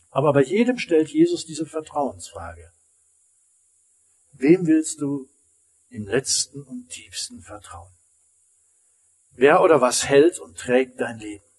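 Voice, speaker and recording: A man preaching a sermon as pastor, emphatic, rising high and then falling almost silent. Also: slightly rough.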